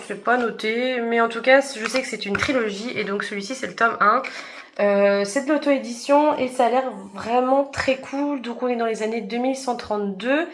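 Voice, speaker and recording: Young woman, book vlogger, casual chat, halting with fillers, fairly high pitch. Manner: hesitant, many fillers.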